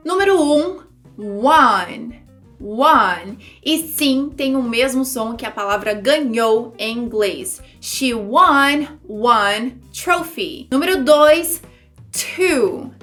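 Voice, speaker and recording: A young woman teaching English numbers, explaining in a lively way and repeating example words. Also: high voice, slow, soft background music. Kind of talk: language lesson for Portuguese speakers.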